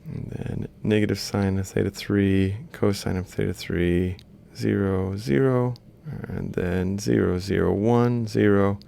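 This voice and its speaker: Working on screen while he writes, a university lecturer thinks aloud through an instructional lecture, walking through each step and reciting values one piece at a time. He speaks unhurriedly with few pauses, in a mellow, creaky voice on the low side with fairly even intonation.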